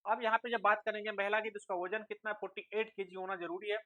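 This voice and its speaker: On lo-fi sound, a man from India talks fast in a flat, high-pitched voice while instructing students like a coaching teacher. He asks rhetorical questions and answers them, checks understanding, and sprinkles in English terms.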